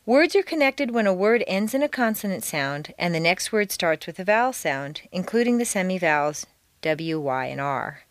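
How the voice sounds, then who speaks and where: A woman's voice: fairly low pitch, sing-song, no room sound. A woman giving a scripted pronunciation lesson, enunciating each word with care. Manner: deliberate, carefully enunciated. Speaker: pronunciation teacher. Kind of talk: slow scripted language lesson.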